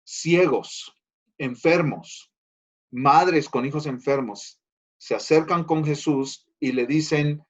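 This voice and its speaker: A man's voice: fairly high pitch, slow pace, muffled recording. Earnest pastor repeating phrases, man. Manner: addresses listeners as brothers. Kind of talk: bible study sermon.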